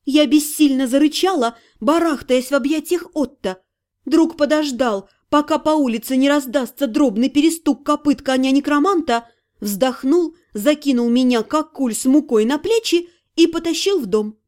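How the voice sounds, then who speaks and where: A woman narrating a first-person fantasy audiobook in an expressive, measured way. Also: sits high.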